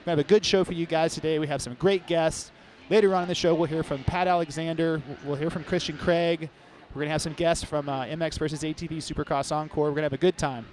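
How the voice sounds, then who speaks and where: A man hosting live race commentary, talking quickly in a chatty, upbeat way from an outdoor stadium. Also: on the high side, fairly even intonation, a little mellow, a little hiss or hum. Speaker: host.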